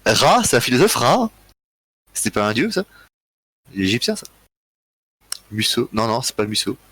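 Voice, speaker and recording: A tired man hosting a live history quiz, reading out chat answers in a relaxed, joking way with frequent chuckles. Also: mid-range voice, slow pace, long pauses, breathy edge, no echo. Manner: relaxed, joking, chuckles often, thinks aloud. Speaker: quiz host.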